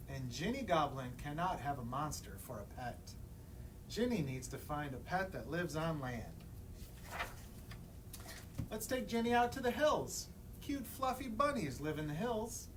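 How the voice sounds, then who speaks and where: At story time, a librarian reads a children's picture book aloud, expressive and asking questions of the young listeners. His voice is a little high with big pitch swings and a slightly slow pace, picked up on a distant mic with room noise.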